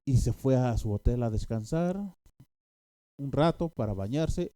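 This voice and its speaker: Dark-voiced preacher telling a story. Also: male voice, mid-range voice, no room sound. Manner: halting, many restarts and fillers, rising to animated outbursts. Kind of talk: sermon storytelling.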